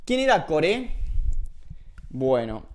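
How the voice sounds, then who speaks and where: A man's voice: fairly high pitch, very animated, slow. A man with a Rioplatense Spanish accent, explaining philosophy in a loose, chatty lecture full of fillers and self-corrections. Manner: paraphrases texts in colloquial dialogue. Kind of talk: casual lecture video.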